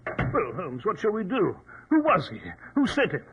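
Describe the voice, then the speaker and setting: An actor in a 1940s radio drama playing a loyal, easily flustered doctor sidekick with an excitable, blustering manner. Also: male voice, high-pitched, normal speed, heavily acted. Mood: indignant, flustered. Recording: noisy, tinny, clicking old radio recording.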